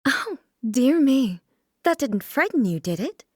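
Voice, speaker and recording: Game role: imperious immortal female shogun, formal and stately, fairly high voice, dry close recording. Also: very animated, darkish tone, husky, dry recording, exaggerated voice. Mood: coolly imperious. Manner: formal, stately, measured, archaic diction. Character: regal, aloof immortal female shogun commanding thunder. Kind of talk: scripted video game character voice lines.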